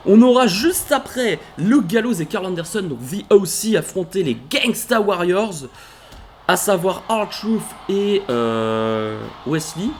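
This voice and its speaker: A man calling a wrestling video game match play by play, animated, bursting into shouts at big moves and stopping to correct himself. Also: high voice, slow, a little hiss or hum. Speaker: let's play commentator. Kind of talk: excited play-by-play game commentary.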